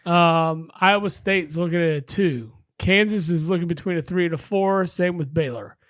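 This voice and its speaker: A man's voice: high-pitched, moderate pace, no echo, studio quality. A man co-hosting a casual sports podcast, brash and swearing freely as he rattles off predictions. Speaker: podcast co-host.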